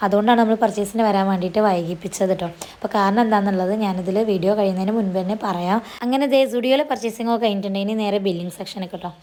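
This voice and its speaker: Woman vlogger, rapid chatty voice-over, slightly strained voice. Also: mid-range voice, mellow. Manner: chatty, sprinkles tag particles, talks fast. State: voice strained after losing it. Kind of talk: voice-over narration of a shopping vlog.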